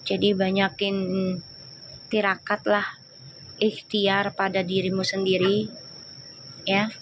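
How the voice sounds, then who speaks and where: A woman's voice: medium pitch, flat delivery, takes it slowly. Lady doing a tarot live, chatty and scolding, slangy, bit of faint noise behind. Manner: chatty, scolds commenters, switches to slangy banter. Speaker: tarot reader on a live stream. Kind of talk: live-stream tarot reading and chat replies.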